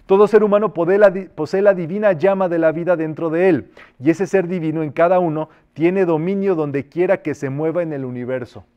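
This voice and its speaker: A man teaching a metaphysics class, urging listeners on in a colloquial way and slowly intoning spoken decrees. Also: fairly high pitch, smooth, muffled recording. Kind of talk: spiritual class leading group decrees.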